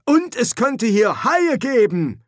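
A man's voice: extremely high pitch, big pitch swings, takes it slowly, no echo, studio quality, voice pushed up, heavily acted. A man voicing a harried young male wizard, anxious and sarcastic, his voice raised and strained. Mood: panicked.

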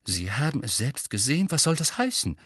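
A man voicing a stern older woman professor who questions briskly and sharply, in an audiobook. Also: medium pitch, big pitch swings, fairly bright tone, breathy edge, dry recording, studio quality. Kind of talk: audiobook character voice.

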